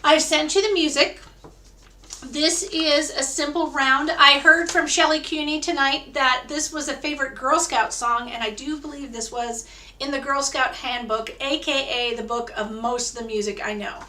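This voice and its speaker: Bright-voiced woman choir director, echoey room. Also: sits high, fairly even intonation, moderate pace, slight background noise. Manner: encouraging, coaching call-and-response, sings demonstrations. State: voice tiring. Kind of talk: online choir rehearsal, teaching a round by ear. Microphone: video call.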